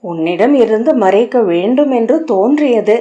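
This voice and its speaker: Woman reading as a proud scheming queen, measured and commanding, mellow dark voice, storybook reading. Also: fairly high pitch, lively intonation, dull audio, close to an everyday voice. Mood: cool, commanding.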